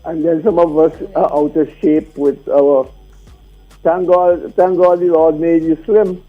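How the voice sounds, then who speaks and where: Higher-voiced Vincentian man, muffled radio call. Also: level tone, unhurried. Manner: rambling, teasing, rhetorical questioning. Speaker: radio phone-in caller. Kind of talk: casual opinionated chat. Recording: muffled radio phone-in with music.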